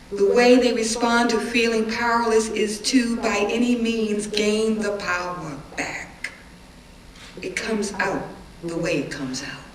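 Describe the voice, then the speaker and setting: At an indoor live reading, a woman with a natural, medium-pitched voice performs a dramatic piece as a middle-aged witness recalling hard times, sounding pained yet resolute in her emphatic, deliberate telling. The recording is roomy and distant, with audience noise.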